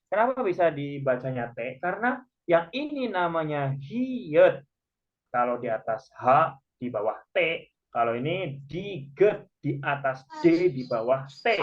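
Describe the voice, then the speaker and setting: A man teaching a Korean language class online, patiently explaining each point step by step. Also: a little high. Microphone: video call. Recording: muffled video call audio.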